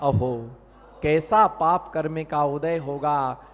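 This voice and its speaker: A man delivers a sermon in a high voice, dwelling slowly on each phrase. He calls out to the congregation and has them repeat after him. The sound carries a long reverb from a large hall. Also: slight background noise. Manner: slow, drawn-out preaching with repeated exclamations; calls on the audience to repeat lines. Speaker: Jain monk preaching.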